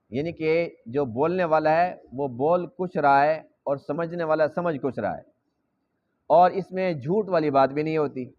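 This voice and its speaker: A man with a high voice gives a Quran lesson sermon in a mosque. He explains patiently, repeating key phrases and acting out each side of a dialogue. The recording is dull and lo-fi. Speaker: mosque preacher teaching Quran.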